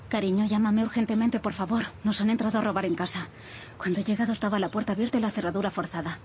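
Scared wife leaving an answering machine message, super fast, begging him to call back. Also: female voice, medium pitch, steady tone, a little mellow, a little hiss or hum. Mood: alarmed. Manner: pleading, hurried. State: alarmed, urgent. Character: frightened woman whose home was broken into. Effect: message left on an answering machine. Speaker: voice actor in a radio ad. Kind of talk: radio ad acting.

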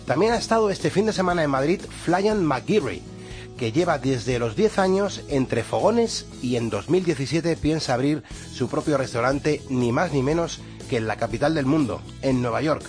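A man's voice: medium pitch, expressive, normal speed, darkish tone, faint music behind. A man with a Castilian Spanish accent presenting morning radio in an upbeat style, his voice congested, hollow and duck-like from a cold. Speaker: radio morning show host.

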